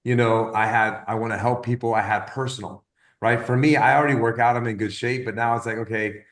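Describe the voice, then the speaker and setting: A wellness business coach in his fifties talks through goals in a casual, rambling motivational chat. His pitch is middling and his pace brisk. He repeats words as he thinks aloud and wanders into animated little anecdotes.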